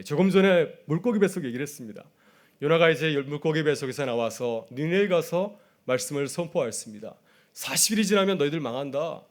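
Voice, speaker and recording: Man preaching a storytelling sermon. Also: medium pitch. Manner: storytelling preacher who acts out quoted voices; asks the congregation questions directly. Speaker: pastor.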